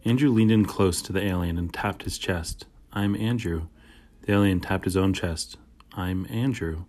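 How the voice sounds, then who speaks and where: Man with a lowish voice narrating a children's book. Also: moderate pace. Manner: steady, plain storytelling, first-person. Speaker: audiobook narrator.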